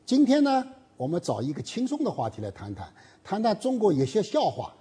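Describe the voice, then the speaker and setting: Husky guy hosting a political chat show, dark voice, pitch jumps all over. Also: wildly swooping pitch, brisk. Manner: leads the talk with questions and rebuttals. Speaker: host.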